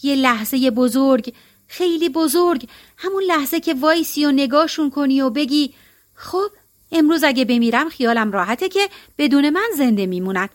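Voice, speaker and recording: Lady reading as a blunt middle-aged woman, teasing, matter-of-fact, high voice. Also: animated.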